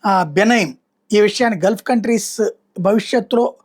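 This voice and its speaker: A woman giving spoken news commentary, talking freely with small filler pauses. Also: mid-range voice, a little mellow.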